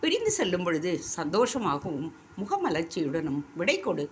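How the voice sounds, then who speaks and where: A woman's voice: on the low side, very animated, normal speed, slight background noise. A woman voicing an earnest young prince. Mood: tender.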